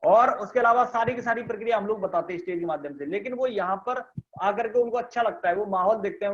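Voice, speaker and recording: A man's voice: high-pitched, dull audio. A man leading an online sales training session, explaining step by step and checking that listeners understand. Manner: instructive, repeats points and asks if understood.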